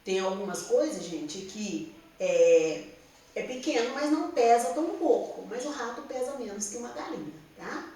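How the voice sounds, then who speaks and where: A woman's voice: on the high side, animated, moderate pace, mellow, recorded from a distance. A woman with a Brazilian Portuguese accent, a teacher patiently explaining a lesson to young pupils and checking they follow. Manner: patient, repeats and checks understanding with "tá?". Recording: roomy echo, speaker somewhat off-mic.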